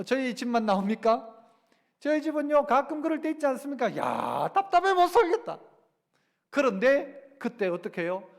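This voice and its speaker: A man's voice: high voice, in a large hall. A man preaching a sermon as pastor, talking with the congregation through rhetorical questions and acting out quoted lines. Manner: acts out quoted lines in a lively voice. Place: church sanctuary.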